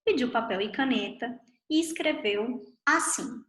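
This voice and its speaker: Woman, fairly high voice, chatty grammar teacher explaining rules, recorded in a reverberant room. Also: animated, a little slow, fairly bright tone. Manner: explanatory, chatty, frequent tag questions. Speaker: Portuguese teacher. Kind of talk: online grammar lesson.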